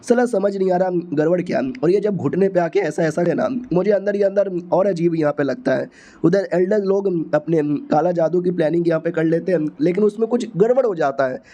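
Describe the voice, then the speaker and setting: A man's voice: sits high, brisk, warm tone. A man casually recapping a comic story in a chatty, colloquial way.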